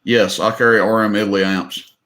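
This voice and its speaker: A middle-aged Tennessee man with a Southern accent hosts a live online auction as casual livestream chat, folksy and joking, drawling and saying "y'all." His voice is lowish and a bit bright, with little pitch movement and a fairly quick pace, and the sound is reverberant.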